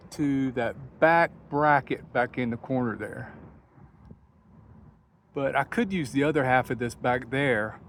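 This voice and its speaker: Man vlogging outdoors over wind and traffic noise. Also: medium pitch. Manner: folksy, thinking aloud while working. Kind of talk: casual do-it-yourself vlog narration. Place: outdoors beside a van near a highway, windy. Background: wind and interstate traffic.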